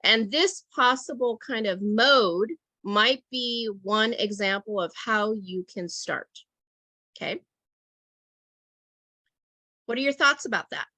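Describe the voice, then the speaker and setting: A woman's voice: a little high, slow, long pauses, pushed and bright, no echo. A middle-aged woman leading an online teacher workshop over a video call, talking reflectively and checking in with "right?" and "okay?".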